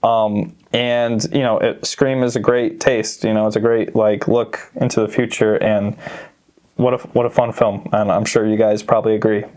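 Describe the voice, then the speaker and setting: A man's voice: on the low side, level tone, normal speed, a little mellow. Rambling, agreeable young man. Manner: agreeable, lots of "yeah", rambling with restarts and laughs. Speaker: co-host. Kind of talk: casual chat about movies.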